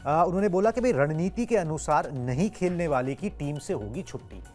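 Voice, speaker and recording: A man's voice: on the high side, lively intonation, a little fast, a little mellow. Host: male, cricket show, chatty explainer, faint music under. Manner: chatty, explanatory, with Hindi idioms and fillers. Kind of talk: cricket news discussion.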